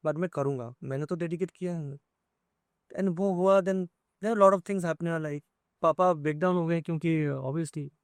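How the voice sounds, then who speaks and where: Male guest, higher-pitched voice, soft and halting, telling a heartfelt story into a dry, close mic. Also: dry recording. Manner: soft, emotional, halting recollection. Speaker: music composer interviewed as guest. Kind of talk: personal storytelling in an interview.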